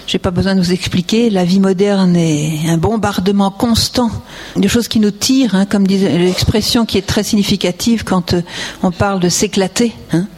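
A nun leading a spiritual retreat, speaking earnestly and reading from the gospel, with frequent small fillers. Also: female voice, mid-range voice, darkish tone.

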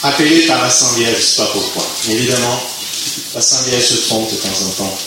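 A man's voice: mid-range voice, a little fast. A man from Italy speaking French with an Italian accent, giving a chatty, self-mocking talk to a youth group. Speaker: physician guest speaker. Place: large tent at a youth camp. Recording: echoey tent with clear background noise.

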